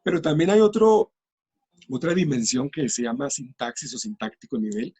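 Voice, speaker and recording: A man's voice: medium pitch, very animated, moderate pace, dark tone, husky. A middle-aged man, a teacher trainer explaining classroom practice patiently in an interview.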